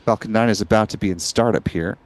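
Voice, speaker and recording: A man's voice: on the low side, fast. A man hosting a live stream, giving informative, orderly explanatory commentary.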